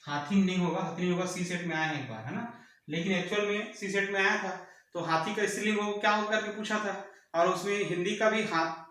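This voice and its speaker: A man's voice: sits high, a little fast, bright, forceful tone. A man from teaching an exam-prep grammar lesson, repeating words and quizzing his students. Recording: very echoey room, voice far from mic.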